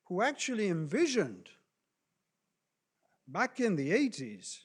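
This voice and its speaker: Male lecturer from Chile and Argentina, slow and halting, many fillers, fairly high voice. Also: wildly swooping pitch, slightly rough. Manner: deliberate, halting with frequent fillers and restarts. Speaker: speaker on human rights law. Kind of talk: lecture presentation.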